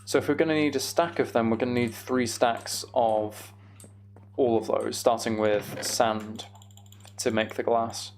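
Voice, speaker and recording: A man livestreams gameplay, casually muttering and reasoning out loud. His voice is mid-range and a little mellow, with fairly even intonation and a measured pace, plus a little hiss or hum.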